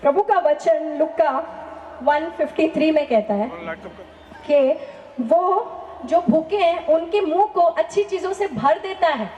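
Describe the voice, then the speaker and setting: A woman's voice: high voice, animated, slow pace, dark tone, reverberant, a little hiss or hum. A woman telling a personal faith testimony in an earnest, emphatic way, often asking rhetorical questions. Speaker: testimony speaker.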